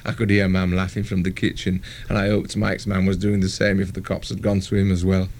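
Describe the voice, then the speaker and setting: A man's voice: low-pitched, little pitch movement, fairly quick, a little mellow. A man reading a first-person story aloud in a wry, conversational way. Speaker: audiobook reader.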